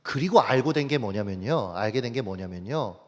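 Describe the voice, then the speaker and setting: A male pastor preaching a sermon, telling personal stories in an animated way and speaking straight to his congregation. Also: medium pitch, brisk. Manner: animated, anecdotal, addresses congregation directly. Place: church sanctuary. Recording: long church hall reverb.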